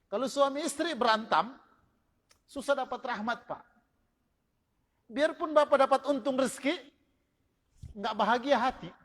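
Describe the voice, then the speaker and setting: A man with a Manado Indonesian accent preaching a sermon, telling stories and acting out their dialogue in lively fashion. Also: very high voice, big-room sound. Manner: storytelling with acted-out dialogue, animated. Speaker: Islamic preacher.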